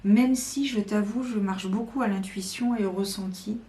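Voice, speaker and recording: This medium-pitched, warm-toned woman speaks at normal speed as she chats casually to camera about her card decks. She's a tarot and oracle card YouTuber, eager yet hesitant and filling her talk with fillers, and the room is echoey with faint background noise.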